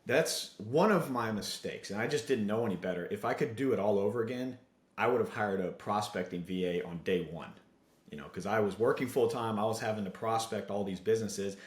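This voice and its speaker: Low-voiced man, energetic storyteller. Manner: energetic storyteller, motivational, fast asides. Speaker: podcast guest, digital marketing agency owner. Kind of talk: casual interview chat. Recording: roomy echo.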